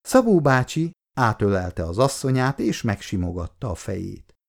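A man narrating a storybook in a calm, lowered voice. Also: creaky. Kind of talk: storybook reading.

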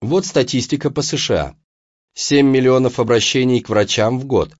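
A man's voice: mid-range voice, moderate pace, no room sound, dull audio. A man, a doctor, giving a scripted medical talk with a dry, wry anecdote.

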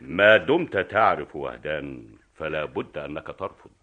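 رجل يؤدي دور جندي شرطة متسلط. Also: male voice, rumbling low, lively intonation, normal speed, phone-quality sound. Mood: suspicious. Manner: barking, bossy. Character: stern pompous police soldier man. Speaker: stage actor. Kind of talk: stage comedy acting.

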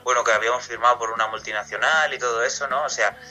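A man's voice: mid-range voice, steady tone, quick pace, sharp tone, soft background music, poor audio. A man from Castilla-La Mancha, a singer being interviewed on radio, answering at length in a casual, rambling way with many restarts. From Castilla-La Mancha, Spain.

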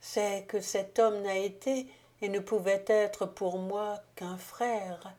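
A woman voicing the ghost of a dead countess in an audiobook, speaking gravely, solemnly and softly. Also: mid-range voice, steady tone, slow pace, close to an everyday voice. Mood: solemn, hushed. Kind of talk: audiobook reading.

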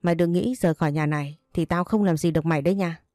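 A spiteful, scornful woman who hurls insults, voiced by a woman reading a story aloud. The voice stays low and mellow, with a dry, close sound. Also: rapid-fire, no echo, natural voice. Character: spiteful sharp-tongued woman, hostile sister-in-law.

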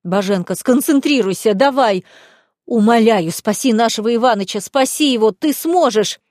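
A woman voicing a desperate young woman who insists and shouts hoarsely. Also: on the high side, lively intonation, normal speed, dry recording, clean studio sound, natural voice.

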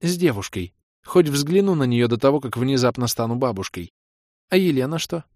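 A man's voice: medium pitch, lively intonation, darkish tone, dry recording, studio quality, pitched above the performer's own voice, lightly acted. A man voicing a worried middle-aged mother who nags and fires off anxious questions. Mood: fretful. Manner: anxious, nagging, rapid questions.

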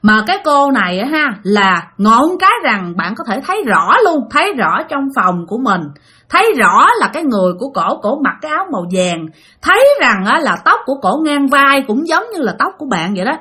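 Southern Vietnamese woman narrating a ghost tale, bright lively voice, a bit husky. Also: fairly high pitch, fairly quick. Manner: animated, addresses listeners directly. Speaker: storyteller. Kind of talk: spoken ghost story narration.

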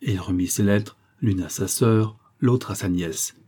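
A man reading a classic novel aloud as an audiobook narrator, in a measured, literary way. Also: fairly low pitch, mellow, slightly rough.

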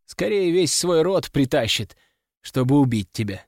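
A young noblewoman waves things off with cool, dismissive calm, as a male narrator puts her on. The voice stays fairly high and moves expressively. The recording is dry and close. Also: unhurried, dry recording, heavily acted. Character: sharp-tongued young noblewoman.

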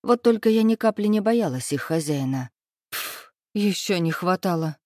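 A woman narrating a first-person novel in a lively, sharp-tongued way, with sharp outbursts in character. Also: on the low side, normal speed, no echo, clean studio sound. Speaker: audiobook narrator.

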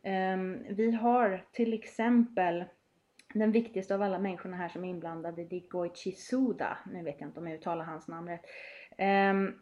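A woman's voice: on the low side, steady tone, a little mellow. A woman co-hosting a gaming podcast, explaining at length in casual chat with many fillers. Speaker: podcast co-host. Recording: slightly dull lo-fi sound.

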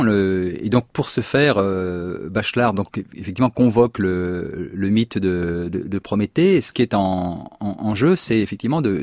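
A man speaks as a guest philosopher on a radio discussion show. His voice is low and is recorded dry and close. He talks haltingly, with many restarts, while he searches for his words. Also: darkish tone, dry recording.

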